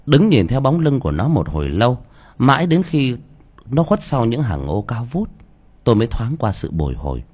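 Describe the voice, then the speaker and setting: A man reads a first-person audio story with expressive, lively intonation. His voice is husky and sits in a middle pitch. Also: moderate pace. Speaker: audiobook reader.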